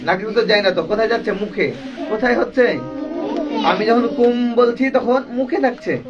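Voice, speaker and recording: A man teaching Quran recitation rules to a class, drawing out sounds slowly to show pronunciation and quizzing his students. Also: high-pitched, noisy background. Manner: slow, drawn-out demonstrations, quizzing students. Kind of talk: classroom tajweed lesson. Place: classroom with a group of learners. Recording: dull, distant classroom recording with many people.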